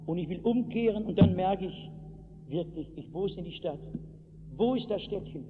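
A man preaching an evangelistic sermon to a hall, telling stories from his own life and breaking into acted shouts. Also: high voice, lively intonation, normal speed. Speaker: pastor. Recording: tinny lo-fi hall recording with hiss.

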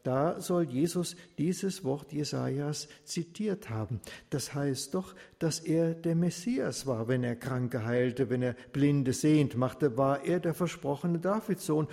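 A man telling a story in the first person as a blind beggar, with a passionate delivery that swells into desperate shouts. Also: fairly high pitch, unhurried, creaky, few pauses. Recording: reverberant hall.

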